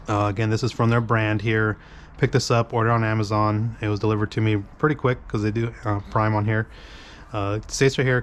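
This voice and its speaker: In his garage, a car detailing channel host reviews products in a casual demo, mixing product on his workbench. He sounds congested and nasal from a cold and rambles with many ums and restarts. His voice is fairly low, with slight background noise.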